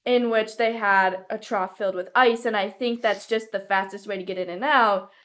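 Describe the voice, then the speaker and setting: A young woman co-hosting a podcast in casual comedic chat, offering deadpan suggestions and agreeing often. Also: mid-range voice, moderate pace. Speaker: podcast co-host.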